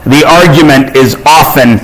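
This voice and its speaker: A man's voice: a little high, unhurried, crowd noise, poor audio. A Canadian man teaching math in a classroom, joking and teasing his students on a chatty tangent.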